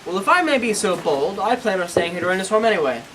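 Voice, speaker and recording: An actor playing a calm detective who is worried about a missing colleague. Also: male voice, high-pitched, quick pace. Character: worried male detective, family man. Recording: roomy, distant, noisy.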